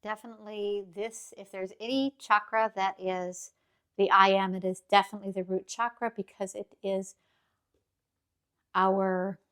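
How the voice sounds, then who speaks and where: A woman teaching yoga as a calm guided grounding exercise, gently and encouragingly instructing. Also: mid-range voice, unhurried, clear, resonant tone.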